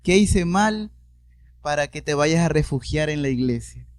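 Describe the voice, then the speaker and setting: A woman's voice: low voice, lively intonation, measured pace, a little mellow. A man voicing his worried mother, who asks in a pleading, questioning way what she did wrong. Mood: anxious, pleading. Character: worried mother, tearful and bewildered.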